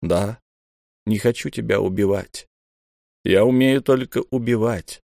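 A man voicing an aloof, weary sovereign who speaks slowly and quietly. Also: lowish voice, creaky, dry recording, clean studio sound. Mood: cold. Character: cold, weary male sovereign, aloof and sad.

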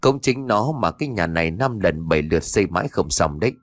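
A man's voice: deep voice, lively intonation, brisk, soft background music, pitched below the performer's own voice. A man voicing a stern male exorcist master in an audio story, scolding and giving orders.

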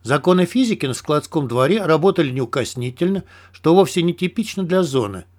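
A man reading a first-person adventure audiobook in a steady, even storytelling manner. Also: a little high, brisk. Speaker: audiobook narrator.

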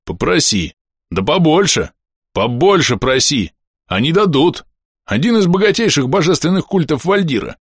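A man voicing a boisterous fanged male clan comrade who talks loud, gleeful and mocking. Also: on the high side, sing-song, normal speed, husky, no room sound, clean studio sound, pitched above the performer's own voice, full character voice. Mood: pleading.

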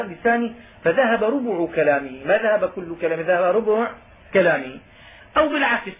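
A man teaching Islamic law, reading lines from a text and then explaining each one in plain speech, with emphasis on key words. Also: very high voice. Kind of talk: explaining a legal text in a lesson. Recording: tinny phone-like sound with faint noise.

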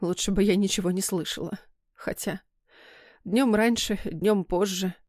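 A woman's voice: medium pitch, steady tone, unhurried, darkish tone, no echo, natural voice. A distraught middle-aged mother mutters and sobs her lines in a storybook reading, as a woman narrator puts her on. The sound is dry and close-miked. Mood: hushed. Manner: tearful, muttering.

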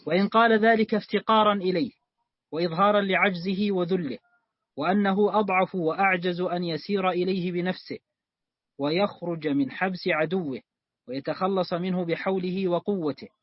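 A man reading a classical text aloud in a lesson, in a measured, formal recitation. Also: sits high, dry recording. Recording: dry, dull lo-fi recording.

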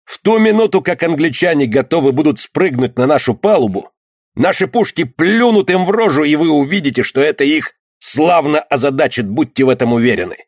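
Guy putting on a frenzied pirate captain, high strained yelling, dry sound. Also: big pitch swings, moderate pace, husky, no room sound, full character voice. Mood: frenzied commanding. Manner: shouting orders, frenzied. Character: furious male pirate captain, commanding.

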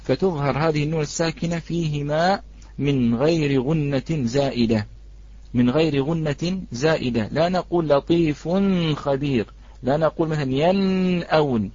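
A man's voice: on the high side, a little mellow, husky, dry recording. Patient man teaching Quran recitation. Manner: patient, repeats points, recites examples slowly. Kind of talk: online tajweed lesson. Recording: dry, slightly dull.

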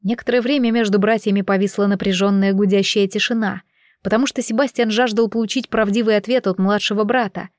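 A woman narrating an audiobook at a middle pitch. Her reading is measured and expressive. The sound is dry and close, with no room around it. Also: dry recording. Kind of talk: scripted narration.

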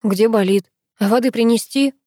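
A woman reading an audiobook who voices a playful young man teasing his best friend, in a lightly lowered, easygoing tone. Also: a little slow, dark tone, no room sound, studio quality.

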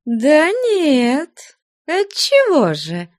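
A woman's voice: high voice, very animated, drawn-out words, dark tone, no room sound, clean studio sound, pitched above the performer's own voice, full character voice. A woman voicing a sweet, fawning older nun who fusses over a guest in an audiobook. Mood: coaxing. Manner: gushing, sugary.

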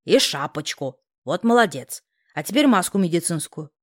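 A woman voicing a bossy, fussing older aunt who grumbles and barks her words in a low voice. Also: very animated, normal speed. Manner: grumbling, barking, blunt.

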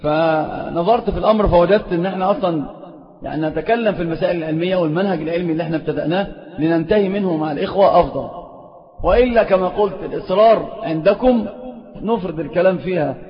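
Egyptian guy preaching fast, emphatic, dull old tape with long hall reverb. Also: high voice. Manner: emphatic, rising to forceful stress on key points. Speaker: sheikh teaching a religious lesson. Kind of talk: religious lecture. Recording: lo-fi recording in an echoey hall.

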